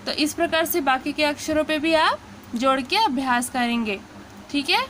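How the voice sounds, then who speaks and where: A woman teaching Hindi pronunciation, talking her students patiently through drawn-out syllable drills. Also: high-pitched, fairly bright tone, slight background noise. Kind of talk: slow spoken lesson.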